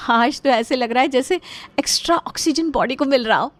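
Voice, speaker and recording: Timid young daughter-in-law voiced by a woman, worried, high voice, storybook cartoon. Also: brisk, close to an everyday voice.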